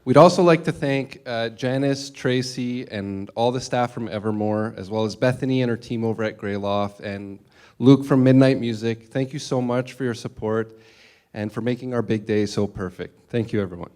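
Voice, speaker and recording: Groom giving a sincere thank-you. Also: male voice, mid-range voice, normal speed, darkish tone. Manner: sincere, earnest. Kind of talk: prepared thank-you speech. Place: wedding reception hall.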